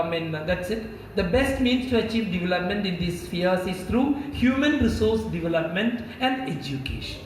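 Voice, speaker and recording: In a classroom lecture, a man from Kerala with an Indian English accent and Malayalam as his first language quizzes students as a visiting professor, repeating key words. His voice is high-pitched, and the echoey recording from a far-off mic has slight background noise.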